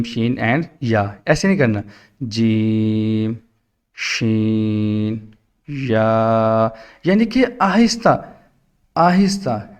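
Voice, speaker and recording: A man teaching a tajweed lesson online, patiently explaining and drawing out letter sounds slowly while mixing English words into his teaching. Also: on the high side. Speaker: Quran teacher. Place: at home for an online class. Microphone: computer mic on a video call.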